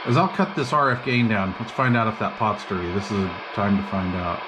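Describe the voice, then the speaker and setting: Speaking on the low side and briskly, a hobbyist host demonstrates and tests an old CB radio, thinking out loud in loose, slangy, unscripted chatter. Behind him the noisy recording is full of receiver hiss, static, and radio chatter.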